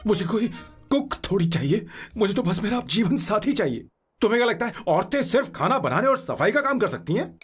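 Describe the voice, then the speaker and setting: A man dubbing an earnest young man who defends his girlfriend against his family, with a husky voice. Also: high-pitched, very animated, fairly quick, soft background music, heavily acted. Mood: indignant. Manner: pleading and indignant. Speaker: film hero, dubbed. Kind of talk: Hindi film dubbing.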